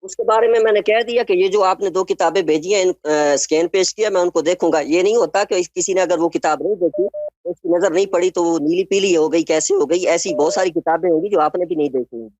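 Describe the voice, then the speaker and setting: A man's voice: high voice, darkish tone, dry recording. A man calling into a live debate, defensive and argumentative. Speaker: caller. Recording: dull dry call-in line.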